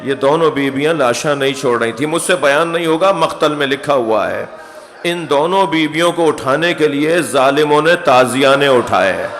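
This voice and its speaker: A man, a cleric giving a mourning sermon, who tells stories with acted-out quotes and climbs from soft narration to anguished cries. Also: on the high side, animated, long reverb tail. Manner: recounts a story, acting out quoted voices. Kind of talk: Muharram majlis sermon.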